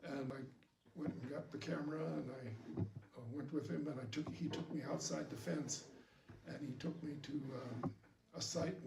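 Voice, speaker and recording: An older man, a war veteran, recalling his memories in a halting, reflective way during an interview. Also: a little high, fairly even intonation, vocal fry. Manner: old veteran remembering, halting and reflective, with long pauses. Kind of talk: recounting wartime memories in an interview. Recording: distant mic, roomy echo, background noise.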